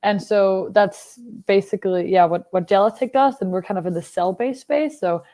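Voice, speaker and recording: Answering an interviewer's questions, a young Danish biotech founder speaks at normal speed in a mid-range voice. She sounds relaxed as she explains things, leaning heavily on fillers.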